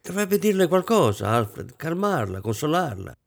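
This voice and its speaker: A man's voice: mid-range voice, animated, normal speed, darkish tone, close to an everyday voice. A man reading aloud voices a society lady guest, a woman who speaks in a sweet, syrupy way that hides spite. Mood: falsely sweet. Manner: mellifluous, falsely sweet.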